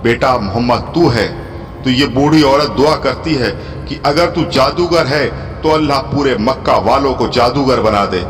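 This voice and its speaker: A man voicing a pleading elderly woman, his voice climbing high and tearful as she pleads and blesses. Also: normal speed, a little hiss or hum, natural voice. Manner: tearful, pleading, rising to high emotional appeals. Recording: long hall reverb with soft music.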